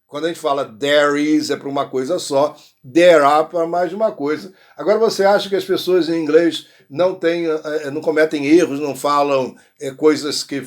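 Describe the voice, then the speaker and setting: A man with a Brazilian accent, teaching an English lesson and sounding out model phrases slowly, with frequent check-ins. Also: a little high, steady tone. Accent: Brazilian Portuguese. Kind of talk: explanatory language lesson.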